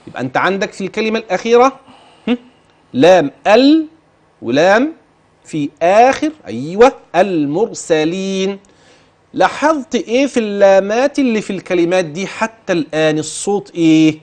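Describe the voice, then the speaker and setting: A man with an Egyptian Arabic accent teaching Quran recitation, asking questions and reciting example words slowly and drawn out. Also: high voice, animated. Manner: patient, questioning and drilling the listener. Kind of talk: tajweed lesson, modelling recitation.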